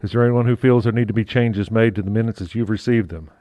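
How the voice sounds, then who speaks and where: A man chairing a city council meeting as mayor, his voice muffled through a face mask, talking haltingly with fillers and the odd joke. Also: on the low side, steady tone, dry recording. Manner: halting, with fillers and restarts, lightly joking.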